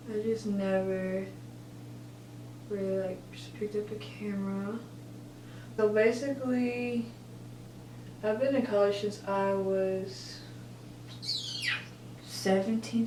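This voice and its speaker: A college student vlogger in her twenties, with a mid-range voice, chats casually in a get-ready-with-me video while doing her makeup. She rambles, corrects herself, and uses lots of filler words. The recording has a roomy echo, a distant mic, and a faint hum.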